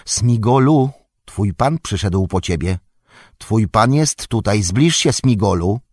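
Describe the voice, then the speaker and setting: A man's voice: lowish voice, animated, slow pace, husky, no room sound, clean studio sound, voice pushed up, full character voice. A man reading an audiobook, voicing an earnest young male hobbit who speaks firmly and urgently. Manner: pressing, calling out urgently. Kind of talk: audiobook character voice.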